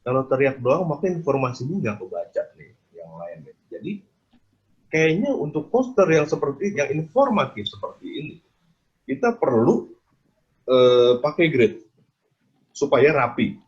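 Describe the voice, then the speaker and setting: A man's voice: medium pitch, big pitch swings, measured pace, pauses often, muffled recording. A man giving an interactive design lecture on a video call, quizzing his audience with casual tag questions.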